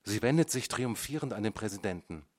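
A man reading a novel aloud in measured, dramatic first-person narration. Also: on the low side, lively intonation, a little mellow. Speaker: audiobook reader. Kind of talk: scripted literary narration.

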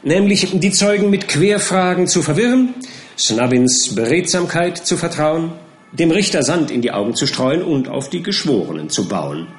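A man's voice: medium pitch, sing-song, brisk, few pauses, a little hiss or hum. A man reading an audiobook and voicing a little, fussy, self-important male lawyer with a bouncy, emphatic manner. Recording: roomy echo.

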